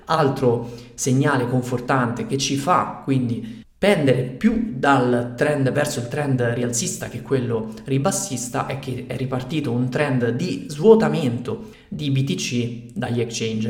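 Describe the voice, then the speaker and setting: A man hosting a weekly market update, reading figures out methodically, with low-quality audio recorded while traveling. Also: reverberant. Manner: methodical, reads out figures steadily. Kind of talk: scripted market commentary. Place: temporary room while away from home.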